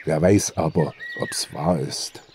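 A gruff but kindly old woodsman , voiced by a man reading an audiobook talks in a folksy, earthy way. His voice sits low and mellow, grounded and unhurried. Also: slight background noise, exaggerated voice. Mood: calm. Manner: folksy, earthy storytelling speech. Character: old male forest hunter, gruff but good-natured.

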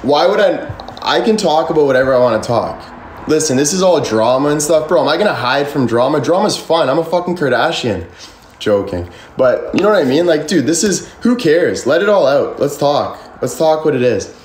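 A man's voice: on the high side, animated, moderate pace, slight background noise. A man in his twenties venting on a livestream, rambling, defensive and emphatic, swearing freely, filmed on a phone in his bedroom. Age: 20s. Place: bedroom with ceiling fan, indoors. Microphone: phone camera at arm's length. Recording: echoey room.

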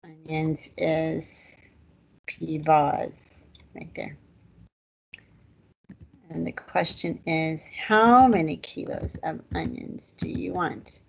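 A woman teaching a language lesson at an unhurried, deliberate pace. Her voice is low and gravelly with a husky edge. She explains the grammar patiently, one step at a time. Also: fairly even intonation, low-quality recording.

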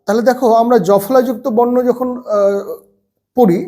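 A man, seated, teaches a children's reading lesson and reads out word lists slowly and patiently. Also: very high voice, fairly even intonation, mellow. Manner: slow, patient word-by-word drilling. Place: seated at a table.

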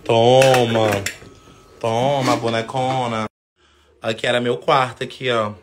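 A man's voice: medium pitch, flat delivery, slow, a little hiss or hum. A man, chatting playfully in a casual vlog with camp, exclamatory teasing. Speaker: vlogger.

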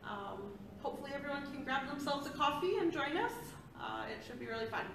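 A woman leading a casual sing-along class, chatty and quick to laugh between remarks. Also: high voice, expressive, gravelly, far from the mic, background noise. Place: association office room. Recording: very roomy echo with loud guitar. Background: guitar.

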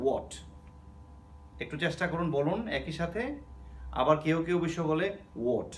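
A man's voice: on the high side, a little fast, a little hiss or hum. A man with a Bangladeshi accent teaching an English lesson, explaining patiently and checking in with his students. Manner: explains patiently, repeating words and asking "okay?". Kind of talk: spoken language lesson.

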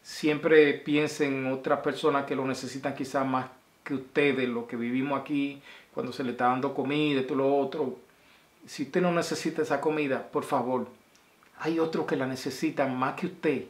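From a small room at home, with a roomy echo in the recording, a vlogger sends his viewers an affectionate, rambling video message full of blessings. He speaks at a normal speed in a steady, mid-range voice.

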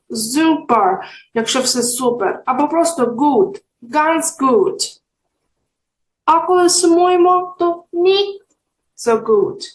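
A woman teacher, giving a slow, clear German lesson for young children and stressing the German phrases. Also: high-pitched, reverberant, low-quality recording.

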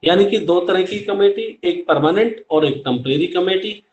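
A man's voice: high voice, normal speed, dull audio. Man, middle-aged, teacher, online class, explanatory, webcam, echoey room, faint hiss. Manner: explanatory, mixes English terms into Hindi, addresses students directly. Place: small room at home with plain wall, indoors. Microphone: laptop webcam at close range.

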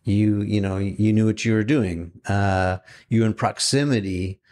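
A man's voice: fairly low pitch, steady tone, a little slow, a little mellow. A man hosting a business podcast, encouraging his guest and reflecting on what he hears, often with short affirmations. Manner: encouraging, reflective, with many backchannels. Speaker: podcast host. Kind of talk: podcast interview.

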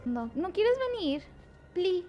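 A woman's voice: extremely high pitch, very animated, slow pace, highs cut off, heavy background noise. A woman streaming a video game, chatting playfully and mixing English words into her Spanish. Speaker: gaming streamer. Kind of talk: casual gameplay commentary.

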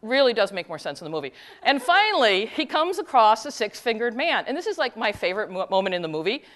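A woman giving a conference talk, retelling a story with quick, animated asides. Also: on the high side. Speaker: conference speaker; teacher.

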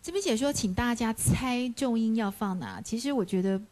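A woman's voice: a little high, moderate pace, darkish tone. A woman with a Taiwanese Mandarin accent, patiently explaining voice acting technique to a class. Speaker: voice acting teacher. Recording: background music under speech.

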